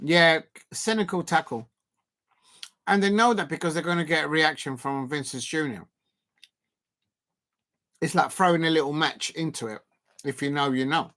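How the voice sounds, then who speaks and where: A Colombian man hosts a live football watch-along, chatting loosely over the game with lots of fillers, restarts, and sudden bursts of excitement. His voice sits on the high side, and he talks at a moderate pace with frequent pauses.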